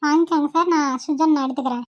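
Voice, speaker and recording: A woman's voice: sits high, fairly even intonation, very fast, natural voice. A young woman voicing a caring, polite young woman in a cartoon who looks after children and soothes others. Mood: gentle. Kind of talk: cartoon voice acting.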